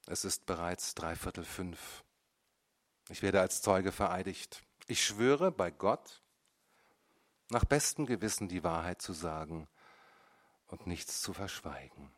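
A man reading a novel aloud in measured, dramatic first-person narration. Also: low-pitched, animated. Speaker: audiobook reader. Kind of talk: scripted literary narration.

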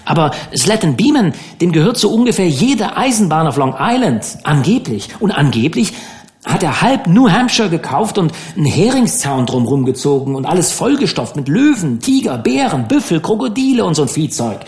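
A man voicing a curious, blunt teenage fisher boy who talks quickly and colloquially in an audiobook. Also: on the high side, very animated, creaky, pitched above the performer's own voice. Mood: eager.

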